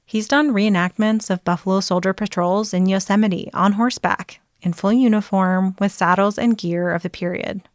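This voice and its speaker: A woman narrating a documentary in a clear, descriptive storytelling style. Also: mid-range voice, fairly even intonation, moderate pace, hardly any pauses, dry recording, studio quality. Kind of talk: scripted narration.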